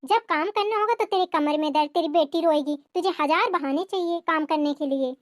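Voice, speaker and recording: Cartoon mother-in-law, middle-aged and harsh, keeps scolding; a woman voices her high and dry. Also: brisk, dry recording, natural voice. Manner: scolding, accusing. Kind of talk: cartoon family drama voicing.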